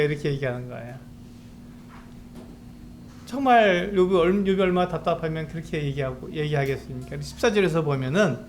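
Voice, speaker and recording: Male pastor, fairly high voice, earnest sermon delivery full of rhetorical questions. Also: slight background noise.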